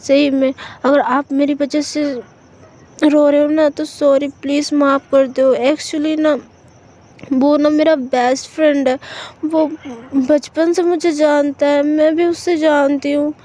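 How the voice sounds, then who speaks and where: A woman's voice: high voice, flat delivery, takes it slowly, mellow, voice pushed up. A woman voicing a young woman in love who apologizes, coaxes and pleads with her upset girlfriend in a storytelling reading. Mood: tender.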